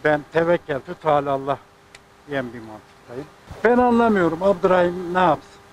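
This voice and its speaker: A man's voice: a little high, moderate pace, slight background noise, low-quality recording. An older man speaking as a sports club president, making an indignant, rambling statement. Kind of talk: press statement.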